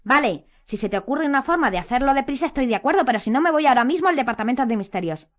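A woman reading an audiobook, voicing an angry, impatient teenage boy wizard who shouts and snaps. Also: a little high, fast talker, pitched above the performer's own voice, natural voice. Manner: shouting, curt, insistent.

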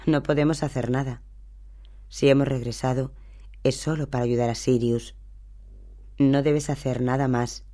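A man's voice: mid-range voice, steady tone, moderate pace, pauses often, dark tone, natural voice. A man voicing a clever, anxious teenage schoolgirl, speaking urgently and insistently.

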